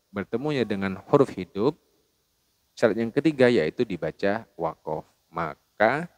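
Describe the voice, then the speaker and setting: A man teaching Quran recitation rules, explaining plainly and then chanting each verse slowly and melodically. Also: on the low side, no echo. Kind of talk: tajwid lesson with chanted recitation.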